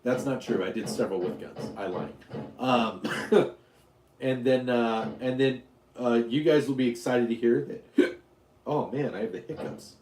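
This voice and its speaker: A man's voice: mid-range voice, measured pace, darkish tone, echoey room, slight background noise. A man from Utah hosting a casual live stream, rambling, joking and answering questions from his chat. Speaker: YouTube livestream host.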